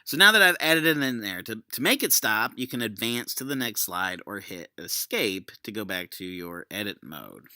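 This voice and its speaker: An educator demonstrates a software tool in a casual screen-share tutorial, explaining things conversationally. His voice is lowish, expressive and sharp in tone, at normal speed with few pauses. The recording is dry.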